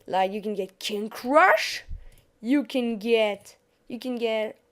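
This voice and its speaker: A young woman with a French accent, a gaming YouTuber, speaks slowly in a slightly high voice while casually commenting on a card game over screen capture. She tends to restart her sentences.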